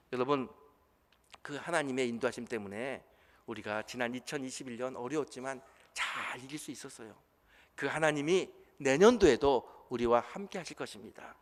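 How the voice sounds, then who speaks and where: A middle-aged man preaching a sermon as senior pastor, telling a story emotionally, moving from hushed to loud. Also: a little high. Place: church sanctuary. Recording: reverberant church hall.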